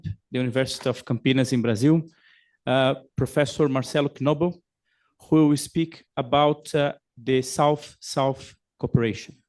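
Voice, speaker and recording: Measured male seminar moderator. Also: medium pitch, darkish tone. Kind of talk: formal introduction of a speaker.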